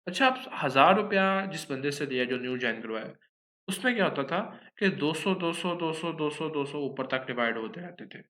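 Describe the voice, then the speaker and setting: Bright-voiced man explaining casually. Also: on the high side, expressive, normal speed. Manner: conversational, keeps checking in with listeners. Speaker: online scams explainer.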